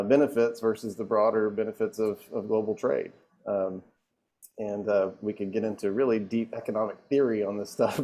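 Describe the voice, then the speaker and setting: A man's voice: lowish voice, mellow. A man moderating a webinar over a video call, loose and conversational with light chuckles. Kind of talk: casual chat moderating a webinar.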